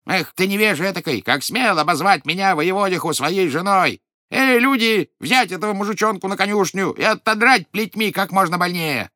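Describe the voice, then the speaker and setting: A man's voice: mid-range voice, animated, normal speed, sharp tone, dry recording, clean studio sound. A man voicing a greedy, domineering old peasant woman who screeches and scolds. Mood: furious.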